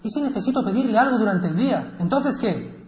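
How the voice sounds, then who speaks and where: A man voicing an earnest adult prophet who marvels at the heavens, stretching his exclamations out slowly. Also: sits high, animated, a little mellow, roomy sound, long reverb tail, highs cut off, pitched above the performer's own voice. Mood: insistent.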